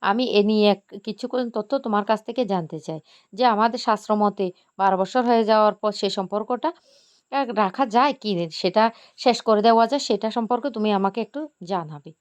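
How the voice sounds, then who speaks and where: A woman voicing a calm, deliberate married woman, speaking softly and measured, with slightly dull sound. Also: medium pitch, smooth, natural voice.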